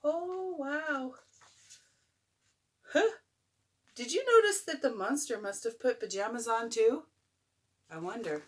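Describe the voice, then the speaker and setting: An older woman, a grandmother, reading a bedtime story aloud in an expressive, playful way, as if to a child. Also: fairly high pitch, takes it slowly, pauses often. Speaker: grandmother reading a picture book. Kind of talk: bedtime story read-aloud with chatty asides.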